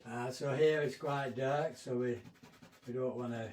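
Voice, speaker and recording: A man giving a relaxed, rambling painting demonstration as an art instructor, often correcting himself. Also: medium pitch, unhurried, far from the mic. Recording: roomy echo, off-mic.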